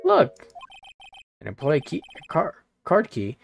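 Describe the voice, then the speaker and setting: Man putting on a bubbly, excitable young woman. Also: fairly high pitch, slow pace, vocal fry, soft background music, voice pushed up, full character voice. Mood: excited. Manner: bubbly, gushing, easily thrilled.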